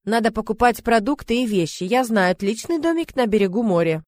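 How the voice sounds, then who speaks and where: A woman's voice: on the high side, expressive, fairly quick, darkish tone, no echo, clean studio sound, close to an everyday voice. A woman voicing a cheeky young fire mage. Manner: cheeky, conspiratorial.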